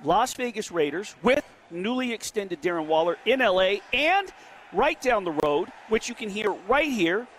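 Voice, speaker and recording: A man hosting a sports betting radio show, giving emphatic, rapid-fire opinions from a casino sportsbook studio. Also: high-pitched, animated, fairly bright tone, a little hiss or hum.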